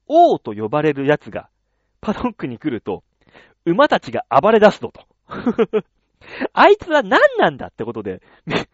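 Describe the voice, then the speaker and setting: A man's voice: a little high, no echo, dull audio. A man hosting a radio show, chatting and telling stories in a self-mocking way. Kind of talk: casual chat monologue.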